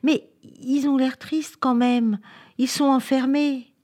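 A woman's voice: sits low, wildly swooping pitch, a little slow, mellow, husky, heavily acted. A woman voicing an eager, wonder-struck little girl in a storybook tale. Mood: wistful. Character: excited dreamy little girl.

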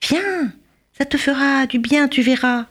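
A soft, tender lake fairy, as a woman puts her on. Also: high-pitched, measured pace, pitched above the performer's own voice. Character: gentle kind female fairy of a magic lake.

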